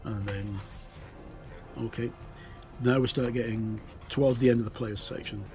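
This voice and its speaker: Over music, a middle-aged game reviewer gives a casual walkthrough commentary on a book, hesitant and halting, often correcting himself. His voice is medium-pitched and steady.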